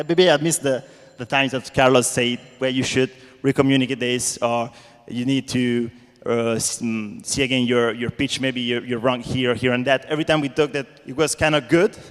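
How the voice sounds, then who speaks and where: An Italian-accented man speaks as a startup founder on a panel, in an informal and blunt way. His English is halting and non-native, at a medium pitch. The sound rings in a large hall. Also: a bit bright. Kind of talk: informal spoken panel answer. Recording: reverberant hall.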